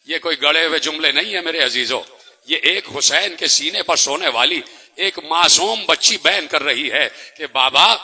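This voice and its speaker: A man preaching an impassioned mourning sermon, exhorting the crowd with rapid rhetorical questions. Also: on the high side, sharp tone, slightly rough.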